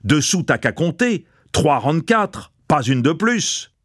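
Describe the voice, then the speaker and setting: A man voicing a cunning male prisoner who yells and insists to bluff the cook. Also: a little high, big pitch swings, unhurried, husky, dry recording, studio quality, pitched above the performer's own voice, heavily acted. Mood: yelling, insistent. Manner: yelling, insistent.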